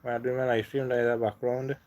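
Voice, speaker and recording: A relaxed Trinidadian man hosts a casual livestream, chatting easily and reading viewers' comments aloud. His voice sits at an ordinary middle pitch for a man. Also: quick pace, lo-fi sound. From Trinidad and Tobago. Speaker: livestream host.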